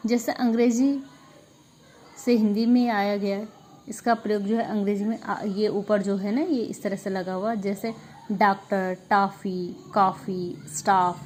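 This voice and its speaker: A woman's voice: mid-range voice, noisy background. A woman teacher going over a grammar revision lesson with a class, asking questions and answering them herself. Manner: patient, asks and answers her own questions; repeats filler "ठीक है" often. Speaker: school Hindi teacher.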